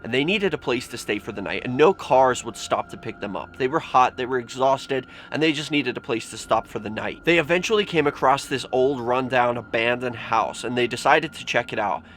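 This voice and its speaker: A man's voice: mid-range voice, a little fast, hardly any pauses, a bit bright. A man telling scary stories in a casual, informal vlog style, with lots of filler "like". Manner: informal, mild swearing, frequent "like". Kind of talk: casual spoken storytelling. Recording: clearly noisy with background ambience.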